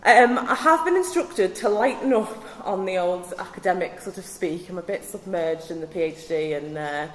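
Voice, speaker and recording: A woman's voice: on the low side, normal speed, hardly any pauses. A woman with a Scouse accent giving an informal academic talk, chatty and self-deprecating with lots of filler ums. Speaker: lecturer presenting research. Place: workshop venue indoors. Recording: echoey hall with long reverb, faint noise.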